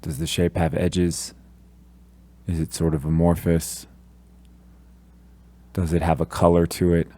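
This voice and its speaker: A man with a low voice leads a guided meditation, giving gentle, calm instructions and leaving long pauses between phrases.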